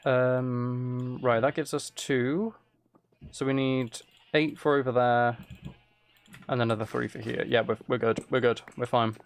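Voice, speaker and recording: This man's voice sits at medium pitch, with fairly even intonation, a measured pace, and a faint hiss or hum in the audio. Hosting a casual game stream, he talks under his breath as he plays, says things over again, and responds to what viewers write in.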